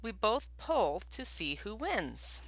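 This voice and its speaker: A woman voicing a small, brave female mouse in a storybook, with a high, earnest, squeaky voice. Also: very animated, slow, dry recording, exaggerated voice.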